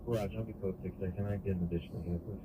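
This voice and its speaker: A man's voice: deep voice, fairly even intonation, very fast, narrow, tinny audio. A man speaking as a police officer over a police scanner radio, using clipped, code-laden call-and-response radio talk. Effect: police scanner radio transmission. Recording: noisy scanner radio audio.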